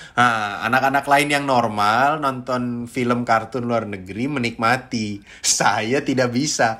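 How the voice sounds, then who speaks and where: A man, a guest chatting casually on a podcast, animated and switching between languages. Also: medium pitch. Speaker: guest impressionist.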